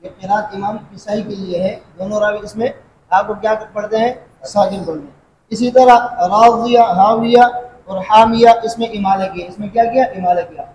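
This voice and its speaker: A man's voice: high voice, steady tone, a little mellow. A man teaching Quran recitation rules, explaining patiently, repeating points and asking if students follow. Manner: repeats points and checks understanding. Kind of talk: classroom explanation. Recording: echoey room with faint noise.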